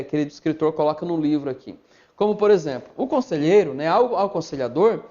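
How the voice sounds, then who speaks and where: A man with a Brazilian Portuguese accent teaching a video lesson to camera, folksy and animated, acting out little scenes. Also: on the high side. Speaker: pastor teaching a course. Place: indoors, seated before a camera. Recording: dull lo-fi sound.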